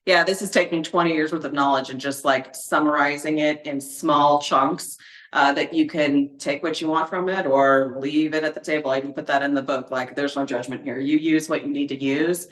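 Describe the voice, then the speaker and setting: Woman, very low voice, chatty expert guest, lots of fillers, roomy echo. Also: steady tone, moderate pace. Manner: chatty, explaining with many fillers and everyday examples. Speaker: guest, senior living expert and author. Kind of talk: casual podcast conversation.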